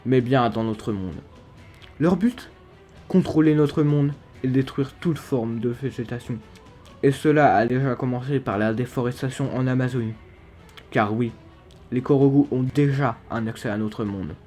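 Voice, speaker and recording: A man's voice: mid-range voice, moderate pace, mellow. A man with a lisp, slushy s sounds and slurred articulation, narrating humorous video game theories in a mock-serious, emphatic manner. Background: background music.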